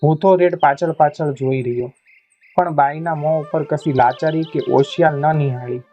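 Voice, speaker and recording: A male storyteller narrates in a measured, formal voice that sits on the higher side. The sound is dull and lo-fi. Faint music plays underneath. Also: fairly even intonation, dark tone.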